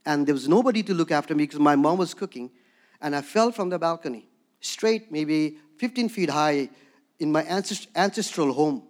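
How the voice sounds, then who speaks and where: This sermon mixes preaching with personal storytelling, delivered by a higher-voiced man whose accent is Himalayan. Hailing from Darjeeling, India, and of Bhutanese background, he talks conversationally and frequently pauses to ask his audience "okay?"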